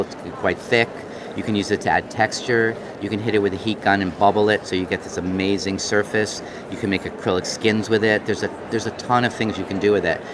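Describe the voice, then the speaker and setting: A man with a New York accent casually explaining and demonstrating craft products, pausing mid-sentence as he works. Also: fairly low pitch. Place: busy convention booth. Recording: noisy trade show floor background.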